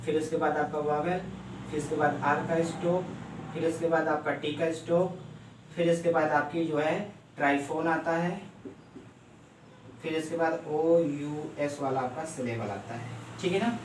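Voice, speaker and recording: A man teaching a shorthand lesson step by step, often stopping to ask if it is clear. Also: on the high side, fairly even intonation, measured pace, background noise. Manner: explains step by step, keeps checking "clear?". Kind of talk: classroom lecture. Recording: echoey room, mic far off.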